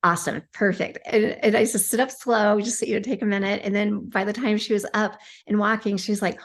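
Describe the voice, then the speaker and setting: A woman's voice: medium pitch, little pitch movement, brisk. A woman hypnosis practitioner, guest on a podcast, recounting a client session in a chatty way, with frequent ums and restarts. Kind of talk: casual storytelling.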